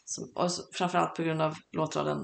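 A woman's voice: low voice, little pitch movement, creaky. A woman co-hosting a casual chat about songs, talking in a playful, chatty way. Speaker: podcast co-host. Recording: echoey room.

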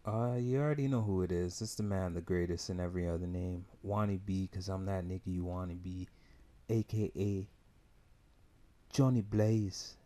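A man's voice: low voice, steady tone, a little fast, warm tone. A man co-hosting a podcast, talking in a swaggering, profane, slangy manner. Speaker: podcast co-host. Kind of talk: casual banter.

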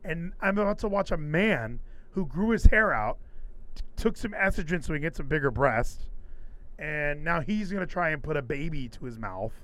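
A man with a slightly high, very lively voice hosts a casual comedy commentary show. He rants sarcastically, with big swings in intonation. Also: moderate pace. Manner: animated, sarcastic ranting. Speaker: podcast host.

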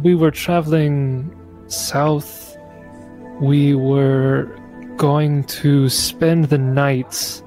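A man voicing a confused young woman just woken up, who stammers out halting questions. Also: fairly high pitch, darkish tone.

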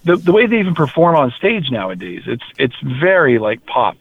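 A man from rural Maine, a heavy metal musician, talking casually in an interview, animated and quick to repeat words. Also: a little high, slightly rough. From rural Maine, USA. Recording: tinny phone-like line.

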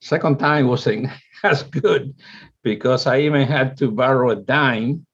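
Speaking English though Spanish is his native tongue, this seventy-something CEO from Cuba recounts his life as a guest in an interview, wandering and often starting over. His voice is husky, mid-range and unhurried, captured in dull lo-fi sound.

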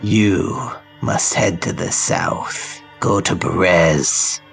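Mysterious commanding woman seer, voiced by a man, whispered role-play, low and slow. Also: steady tone, vocal fry, faint music behind, heavily acted.

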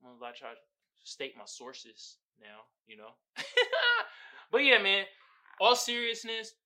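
Profane, animated male podcast host. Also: sits high, unhurried. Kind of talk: casual podcast rant.

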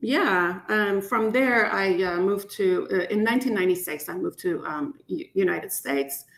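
A woman in her fifties from Iran, a retired doctor, speaking as an interview guest over a video call in a measured way, with pauses and fillers. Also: mid-range voice, vocal fry, echoey room. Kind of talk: interview conversation.

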